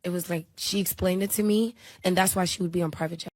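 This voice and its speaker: A woman telling a story in a casual, animated, gossipy way. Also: fairly low pitch, fast, heavy background noise.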